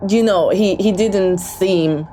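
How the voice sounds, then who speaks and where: Speaking slowly in a mid-range voice with a dark tone, a woman from Hungary tells a true story in a voicemail. Faint music plays behind her, and her casual telling is halting, with ums and restarts.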